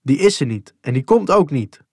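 A man's voice: fairly high pitch, very animated, normal speed, a little mellow, husky, no echo, studio quality, heavily acted. A man voicing harsh, cruel foster women who scold a child curtly and coldly. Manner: curt, cold and scolding.

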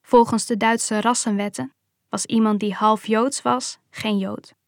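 A woman reading a first-person memoir aloud in a calm, measured way. Her voice sits a little high, and the recording is dry and close, with no room sound. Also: dry recording.

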